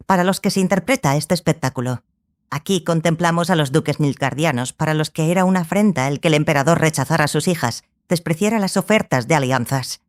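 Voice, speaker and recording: In an audiobook drama, a woman voices a small, learned, exacting sorceress who mentors a student. Her low, natural voice stays measured and matter-of-fact.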